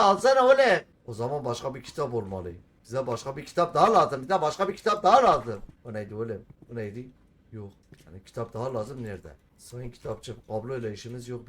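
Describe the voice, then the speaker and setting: A man's voice: mid-range voice, a little hiss or hum. Bir oyunu oynarken bulmacaları kendi kendine çözen, zaman zaman heyecanla bağıran bir adam; oyun yorumu yapıyor. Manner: talks to himself while solving puzzles, bursts into shouting. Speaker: gamer. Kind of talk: let's play commentary.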